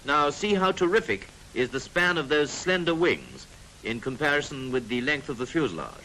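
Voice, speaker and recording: Heard on a noisy 1940s film soundtrack, a British man with a rather high, very animated, pushed and bright voice narrates a military training film at normal speed. He is clipped and instructive, adding dry, joking asides.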